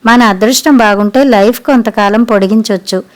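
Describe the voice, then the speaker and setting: A woman voicing a calm, kind male doctor in a storybook reading, speaking in a measured, gentle way. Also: a little high, lightly acted. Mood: reassuring.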